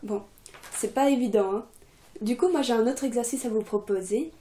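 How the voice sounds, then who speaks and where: A young adult woman giving a casual video lesson, relaxed and chatty with many fillers. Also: fairly high pitch, normal speed, roomy sound. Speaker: Russian teacher, channel coordinator.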